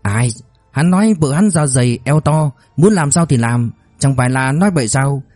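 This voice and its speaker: A man voicing a glib, scheming young debt collector who talks smoothly with mock innocence. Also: medium pitch, animated, normal speed, a little mellow, dry recording, soft background music, lightly acted. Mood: mock-sincere.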